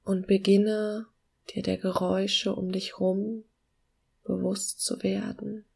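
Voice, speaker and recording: A woman guiding a meditation in a soft, hushed, soothing near-whisper with long pauses and a breathy voice. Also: mid-range voice, little pitch movement. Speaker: podcast host guiding a meditation.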